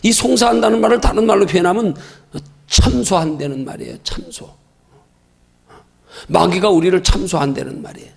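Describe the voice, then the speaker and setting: A middle-aged male pastor leading a Bible study, emphatic and full of rhetorical questions, at times shouting. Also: sits high, brisk, creaky, pauses often.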